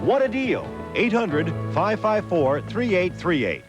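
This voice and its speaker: A chipper American pitchman reads an upbeat TV commercial in a fairly high voice with very animated intonation. He sells emphatically over a clear music bed. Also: a little slow. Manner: chipper, emphatic salesman delivery. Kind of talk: upbeat scripted advertising pitch.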